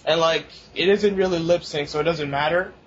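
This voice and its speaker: On a dull, lo-fi podcast recording with faint noise, a young male co-host chats casually, rambling, swearing and laughing a lot. His voice is fairly high in pitch, steady in tone, and normal in speed.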